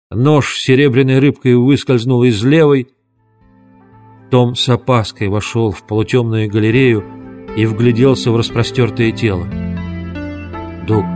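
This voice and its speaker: A man reading a storybook aloud in a measured, dramatic narrating manner. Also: mid-range voice, darkish tone. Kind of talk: audiobook narration.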